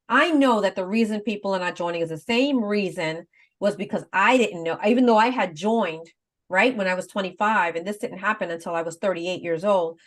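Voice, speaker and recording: A woman in her fifties on a talk show, earnestly explaining step by step and laughing easily. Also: medium pitch. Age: 50s. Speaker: guest advocate. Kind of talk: casual explanatory chat.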